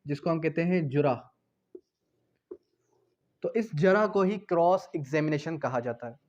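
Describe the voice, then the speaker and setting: Unhurried and darkish in tone, a Pakistani-accented law teacher with a noticeably high voice delivers a step-by-step lecture in Hindi-Urdu laced with English legal terms. He repeats terms and answers his own questions, and the recording is somewhat dull and lo-fi.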